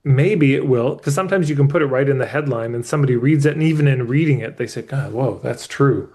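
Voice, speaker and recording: Male business coach, live session, mid-pitched, candid and emphatic, loose and sweary. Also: fast, darkish tone. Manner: restarts mid-thought as he explains.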